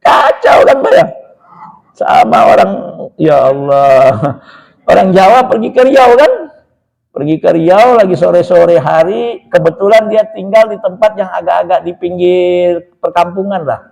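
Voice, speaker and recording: A man's voice: high-pitched, measured pace, gravelly, rough recording. A male preacher giving a hadith lesson in a mosque, touches, telling anecdotes and calling his listeners Pak. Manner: animated storytelling, addresses the men as Pak.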